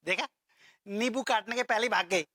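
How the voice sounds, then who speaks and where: A man's voice: high-pitched, a little fast, pushed and bright, slight background noise. An actor playing an odd, cocky man who chases off a witch, talking in a theatrical, bossy way. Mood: reassuring. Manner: theatrical, bossy, peculiar catchphrases. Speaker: eccentric neighbour in a TV sitcom. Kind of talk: sitcom acting.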